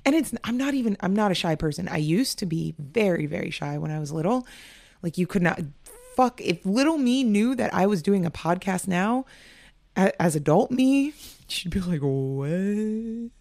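A woman's voice: on the low side, lively intonation, normal speed, creaky, a little mellow, no room sound, clean studio sound. A young woman hosting a casual solo podcast, chatty and candid, often laughing and swearing. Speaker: podcast host.

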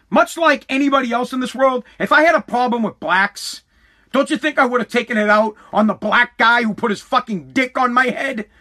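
A very high, bright, pushed voice belongs to this American podcast host from the United States. He rants on his own, opinionated and combative, hammering points emphatically and repetitively while swearing.

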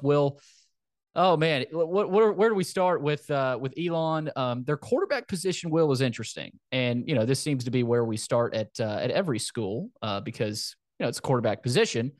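Hosting a sports podcast, a man casually walks through a football preview, speaking haltingly and repeating words and phrases. His pitch is medium, and the recording is dry, at studio quality.

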